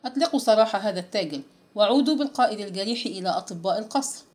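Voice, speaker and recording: A woman's voice: fairly high pitch, very animated, fairly quick, darkish tone. A woman voicing a proud, commanding young princess who speaks coolly and imperiously in a storybook reading. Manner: cool, imperious and teasing.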